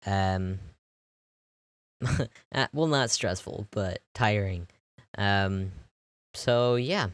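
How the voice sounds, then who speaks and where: A young man casually narrating a walkthrough of his game build, relaxed and rambling with lots of fillers. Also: on the low side, extremely slow, long pauses, smooth, no echo. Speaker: video creator.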